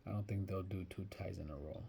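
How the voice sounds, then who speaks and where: A man's voice: low-pitched, steady tone, brisk, creaky, dark tone, slight background noise. A man giving casual soccer betting predictions, thinking aloud and hesitant, often restarting his sentences. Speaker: sports betting vlogger.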